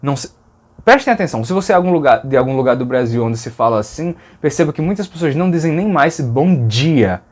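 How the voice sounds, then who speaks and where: A man's voice: a little high, animated, quick pace. A man from Brazil with a Brazilian Portuguese accent, giving a casual educational explanation of speech sounds and patiently saying sounds over and over to demonstrate them. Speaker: linguistics educator.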